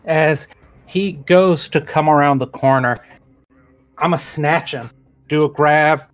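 Laid-back player, slow and fairly high. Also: male voice. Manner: laid-back, laughs often. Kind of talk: tabletop game chat.

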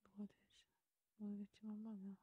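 A woman voicing a calm, reassuring Grim Reaper who guides a soul, in a breathy whispered role-play. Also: mid-range voice, brisk, no room sound, dull audio. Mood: solemn, matter-of-fact. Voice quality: breathy, unvoiced. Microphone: close mic, dry.

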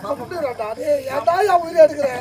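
An actor in a folk street play voicing a wronged young man who pleads his innocence in a declamatory, high-strung way. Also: fairly quick, a loud crowd. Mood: pleading. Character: young wronged brother-in-law, pleading and emotional. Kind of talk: Tamil folk stage acting. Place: outdoor village stage.

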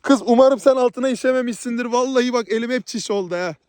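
A man's voice: very high-pitched, fast, darkish tone, clean tone, dry recording. A man from Southeast Turkey vlogging outdoors in a rural village, chatty and playful with a teasing manner. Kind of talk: casual vlog chat.

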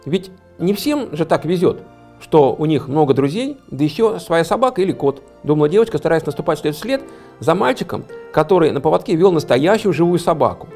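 A man, the author, reading his own fairy tale aloud in an expressive, animated way. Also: fairly high pitch, brisk, soft background music. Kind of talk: storybook reading.

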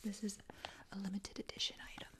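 A young woman in a whispered role-play as an attentive, reassuring spa attendant, speaking softly and close up. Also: mid-range voice, monotone, quick pace. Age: young adult. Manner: soft-spoken, attentive, reassuring customer-service talk. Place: small dim indoor room.

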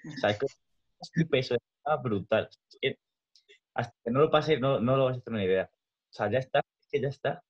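A man speaking in an animated, exclaiming way in a casual chat. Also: medium pitch, a little fast, slightly rough. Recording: slightly dull audio.

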